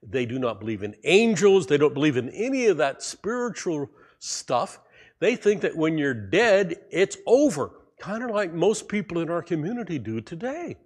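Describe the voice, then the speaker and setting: A man preaching a sermon, telling a story in a lively way and speaking directly to his congregation. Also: on the high side, normal speed, slightly rough. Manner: animated storytelling, addresses the congregation. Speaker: pastor.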